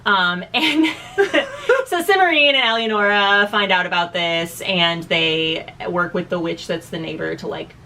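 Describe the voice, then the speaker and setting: A woman's voice: lowish voice, measured pace, bright, forceful tone, far from the mic. A woman in her thirties chatting casually as co-host of a book review, in a rambling, giggly, slangy way. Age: 30s. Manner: rambling, giggly, slangy, loses train of thought. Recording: noticeable background noise.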